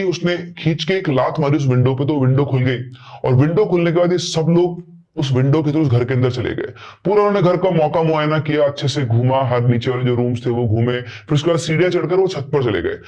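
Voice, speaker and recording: A man's voice: mid-range voice, a little mellow. A man telling a horror story in a chatty, casual way, acting out the characters' lines. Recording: dull lo-fi recording.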